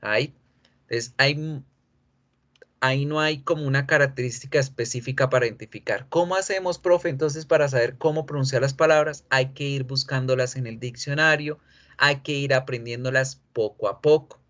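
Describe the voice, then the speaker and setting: Man, English teacher, patient, repeats words slowly. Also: mid-range voice, a bit bright, dull audio. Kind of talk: online pronunciation lesson.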